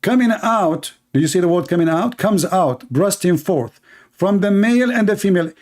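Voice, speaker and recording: Animated and high-voiced, with a darkish tone and a normal pace, a male debate host runs a live online show in English. His first language is Arabic, and his emphasis drips with mockery and sarcasm.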